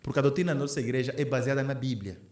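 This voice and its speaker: A man's voice: medium pitch, steady tone, racing, darkish tone, roomy sound. A man, co-hosting a casual podcast conversation and thinking aloud earnestly with many restarts. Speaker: podcast co-host.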